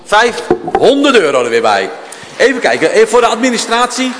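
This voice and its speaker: In a big reverberant hall, a man runs a live auction in an informal way. His voice is high and very animated in pitch as he calls out counts and repeats prices like an auctioneer. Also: fast talker, noisy background.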